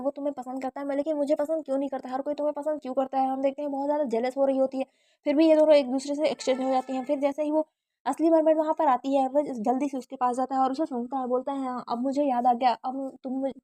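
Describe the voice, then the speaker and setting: A woman's voice: high voice, dark tone, dry recording. A woman narrating a drama recap in a casual storytelling way, retelling the characters' lines in her own voice with frequent restarts.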